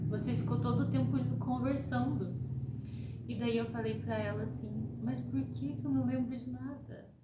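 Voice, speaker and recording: A woman's voice: mid-range voice, reverberant, noisy background. A young Brazilian woman telling a personal story in a chatty way, acting out the lines of people she quotes. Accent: Brazilian Portuguese. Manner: relaxed, chatty, acts out quotes. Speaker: vlogger.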